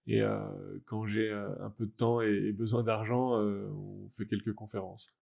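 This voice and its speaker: A young adult French man, a guest athlete in a casual interview, talking in a halting, reflective way as he searches for words. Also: lowish voice, level tone, gravelly, a little mellow. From France. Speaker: guest, wheelchair rugby athlete.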